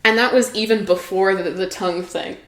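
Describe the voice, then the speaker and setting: A woman's voice: mid-range voice, fairly even intonation, brisk, a bit bright. A young woman hosting a podcast, chatting casually and giggling, with lots of filler words. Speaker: podcast host. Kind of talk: casual chat. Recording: echoey room.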